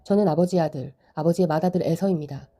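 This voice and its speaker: A woman reads a wronged elder son who pleads with his father. The voice sits low and mellow, with a brisk pace. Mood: pleading.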